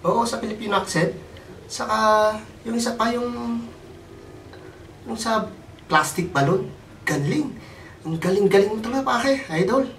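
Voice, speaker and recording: A man's voice: high voice, unhurried, pauses often, fairly bright tone. A young man making a teasing comedy phone call, mocking the other man. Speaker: comedy sketch caller. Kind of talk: comedic phone prank sketch. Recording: echoey room, mic at a distance, faint noise.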